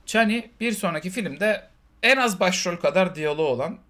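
A man co-hosting a casual film review chat, talking in an animated way and mimicking characters in quick asides. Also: high-pitched. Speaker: podcast co-host.

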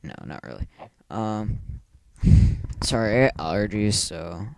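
A man's voice: lowish voice, animated, measured pace, gravelly, no room sound. A thirteen-year-old boy rambling through casual live game commentary at home on a computer mic, with lots of ums and mumbled asides. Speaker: let's player. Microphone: computer mic, clipping when loud.

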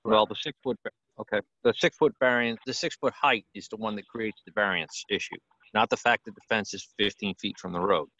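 A man serving as a town official, explaining and correcting a point in a measured way over a call. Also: lowish voice, pushed and bright, no room sound, highs cut off. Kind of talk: video call meeting.

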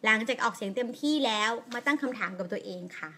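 A woman teacher with a Thai accent speaks in a bright, slightly high voice. She talks in an encouraging, chatty way to viewers of a live lesson and reads aloud slowly, pausing at each comma and full stop. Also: lively intonation. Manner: slow, deliberate reading aloud with pauses at punctuation. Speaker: English teacher. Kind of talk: live-streamed language lesson.

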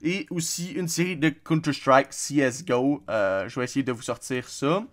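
A man's voice: mid-range voice, normal speed, a bit bright. A man with a Québécois accent giving a casual, rambling channel update to his viewers, with lots of fillers and restarts. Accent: Québécois French. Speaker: gaming YouTuber.

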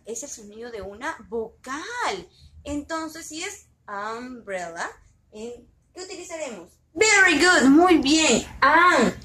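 A woman teacher giving a slow, patient lesson to young children, asking questions and repeating each word. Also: high voice, a bit bright, echoey room, rough recording.

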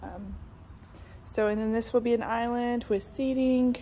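Holding her phone as she walks through a house being built, inside and out in the yard, a woman real estate agent chats casually and thinks aloud, saying um often. Her voice is a little high, mellow and a little slow, with a steady tone and slight background noise.

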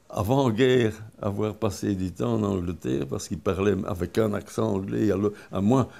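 An older man from Belgium, recounting his memories in an interview in a halting way, often restarting and repeating words. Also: lowish voice, vocal fry, dark tone. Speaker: interviewee, former wartime pilot.

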